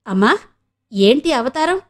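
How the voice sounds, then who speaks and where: A woman voicing a flustered, warm-hearted father. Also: high-pitched, big pitch swings, a little slow. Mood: fussing. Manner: flustered, welcoming.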